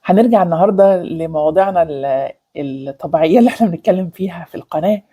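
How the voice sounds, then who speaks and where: Fast, husky Egyptian woman giving relationship advice. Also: on the low side, mellow. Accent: Egyptian Arabic. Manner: earnest, explanatory, repeats key phrases for emphasis; sprinkles in English words. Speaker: relationship advice channel host. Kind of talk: talking to camera about relationships.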